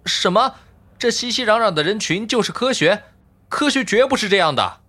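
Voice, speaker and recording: A man's voice: on the high side, very animated, normal speed, bright, forceful tone, heavily acted. An actor playing a smug, argumentative male robot constructor in an audiobook, with a needling, lecturing tone. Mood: scoffing. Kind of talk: audiobook character voice.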